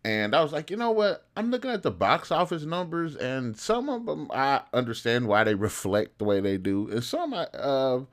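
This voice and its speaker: With a medium pitch that swings widely, this man talks at a moderate pace and barely pauses. He's a thirtyish host reviewing video game movies, giving loose, opinionated commentary that meanders conversationally.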